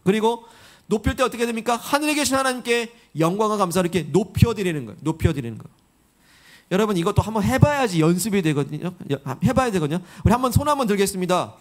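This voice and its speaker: Pastor, male, high-pitched voice, earnest sermon delivery with coaxing questions to the congregation. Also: expressive, quick pace. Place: church sanctuary.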